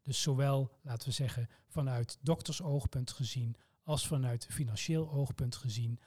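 Man, dutch accent, medium pitch, measured and formal, expert explaining. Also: mellow, husky. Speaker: medical oncologist guest. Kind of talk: explanatory interview answers.

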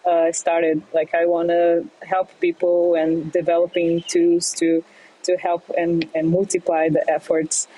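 In a low-quality recording, a woman guest from Brazil speaks in a lowish voice while answering interview questions in English. She's a fintech entrepreneur in her thirties, and her halting answers are full of fillers and restarts, broken up by soft laughs.

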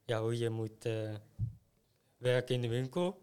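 A young male student with a smooth, clear mid-range voice speaks bluntly and plainly. He tells stories about his internship casually and without fuss. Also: mid-range voice, measured pace, a little mellow. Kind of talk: casual storytelling.

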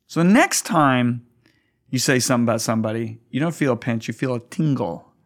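A man's voice: medium pitch, brisk. Pastor guy being interviewed, earnest, lots of stammered restarts. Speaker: guest pastor. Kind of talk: conversational interview.

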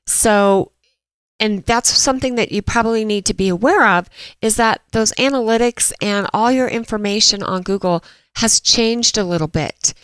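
A woman's voice: mid-range voice, moderate pace, a bit bright, clear, resonant tone, no room sound, rough recording. A woman hosting a dental marketing podcast in a chatty way, a little stuffy from allergies, with frequent fillers and restarts. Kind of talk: casual podcast talk.

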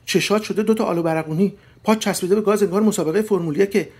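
A man voicing a sharp-tongued wife who needles and mocks her husband in a dry tone. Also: natural voice. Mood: scolding. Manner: dry, mocking, turns shrill and scolding.

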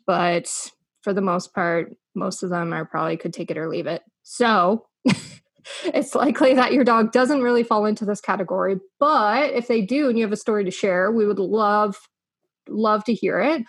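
A woman co-hosting a podcast on a radio station, chatting playfully and laughing easily. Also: mid-range voice. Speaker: podcast co-host. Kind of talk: casual chat. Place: radio studio.

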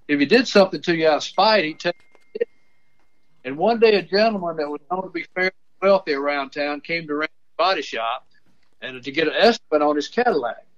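A man's voice: a little high, a bit bright. Older man on muffled speakerphone. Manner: rambling, restarts often. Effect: heard over a phone speaker. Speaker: author and storyteller. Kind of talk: folksy storytelling.

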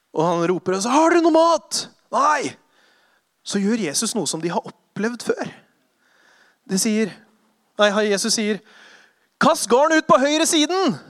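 A man preaching a sermon, retelling Bible stories with lively acted-out voices and sudden hushed passages. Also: on the high side, no echo, studio quality. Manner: animated storytelling, acting out voices, drops to hushed tones.

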